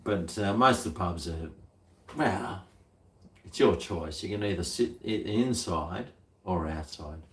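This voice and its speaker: A man's voice: deep voice, animated, unhurried, fairly bright tone. A middle-aged man with an Australian accent chatting casually on a livestream, laid-back, blokey and full of slang. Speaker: livestream host. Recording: roomy, echoey sound.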